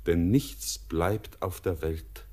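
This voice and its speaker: A male actor plays a haunted, yearning young stranger in a classic radio drama, declaiming poetic lines with solemn intensity. His low, husky voice has a warm tone, and he takes it slowly.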